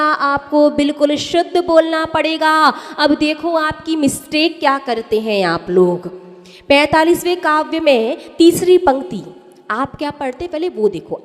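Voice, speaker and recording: A woman's voice: sits high, long reverb tail. A woman teaching how to pronounce sacred verses, explaining step by step and putting questions to her listeners. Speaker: religious teacher. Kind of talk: explanatory lesson on recitation.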